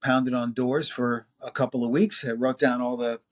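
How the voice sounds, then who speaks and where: A man in his sixties with a New York accent, telling long anecdotes as an interview guest, full of fillers and lively quoted voices. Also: medium pitch, moderate pace. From New York City. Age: 60s. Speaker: music producer and engineer guest. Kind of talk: casual interview storytelling.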